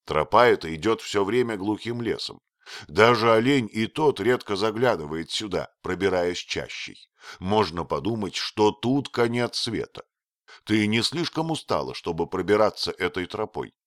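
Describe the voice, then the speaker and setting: A man voicing a proud young husband and hunter, speaking in an earnest, measured way. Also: fairly low pitch, dry recording, studio quality, natural voice.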